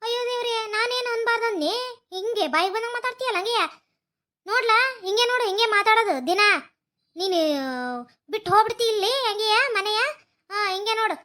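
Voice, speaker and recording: A woman's voice: very high voice, fairly even intonation, brisk, bright, forceful tone. A woman voicing a meddling, nagging village mother-in-law in a cartoon comedy, with a North Karnataka Kannada accent and a mocking way of talking.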